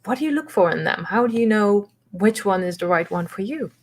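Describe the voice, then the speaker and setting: A woman hosting a podcast interview, prompting her guest with questions and quick friendly agreement. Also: mid-range voice, animated. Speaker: podcast host.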